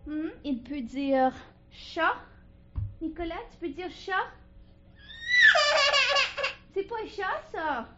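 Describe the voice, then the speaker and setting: High sing-song mother. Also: lively intonation. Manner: sing-song, coaxing, slow and exaggerated. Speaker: parent talking to a toddler. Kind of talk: home video baby talk. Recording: echoey, slightly muffled home video.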